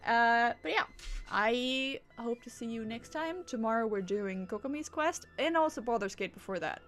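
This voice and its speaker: This game streamer rambles through casual livestream chat, giggling and repeating herself as she circles around. She speaks at a moderate pace in a fairly high, slightly bright voice with lively intonation, over faint background music.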